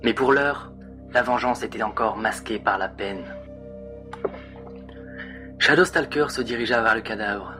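A man narrating a dramatic fan story in an expressive, theatrical way. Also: lowish voice, a little slow, pauses often, music in the background.

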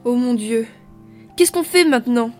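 A man voicing a frightened young female pegasus pony in a dramatic story reading, pleading in a high voice. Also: normal speed, a little mellow, faint music behind. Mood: panicked.

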